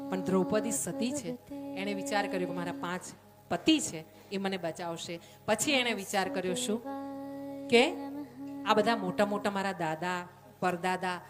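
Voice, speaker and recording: A woman from Gujarat telling a devotional story as a katha preacher. She speaks dramatically, builds to impassioned peaks and often checks in with the audience. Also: mid-range voice. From Gujarat, India. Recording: loud devotional music behind the voice.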